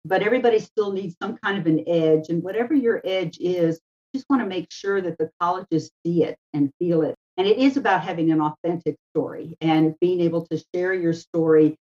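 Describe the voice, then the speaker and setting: A woman who works as an education adviser speaks as an interview guest, telling anecdotes in a conversational way. Her voice is on the low side, fairly quick and dark in tone, and the recording sounds slightly dull and lo-fi.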